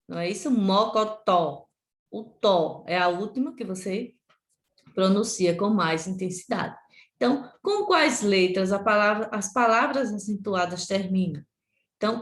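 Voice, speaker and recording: A woman teacher from Brazil with a Sergipe accent, giving a remote lesson to children and repeating words slowly and deliberately. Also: medium pitch, fairly bright tone, roomy sound. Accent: Sergipe Brazilian Portuguese.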